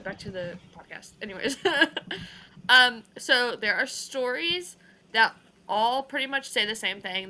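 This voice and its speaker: A woman's voice: medium pitch, sharp tone, a little hiss or hum. A young adult woman co-hosting a casual podcast, giggly and chatty, saying "like" and "ew" often. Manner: giggly, says "like" and "ew" a lot. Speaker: podcast co-host. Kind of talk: casual chat.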